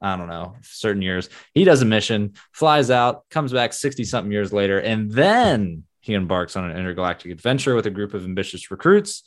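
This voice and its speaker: A man's voice: on the low side, lively intonation, brisk, few pauses. Laid-back man, casual podcast chat. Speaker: podcast co-host.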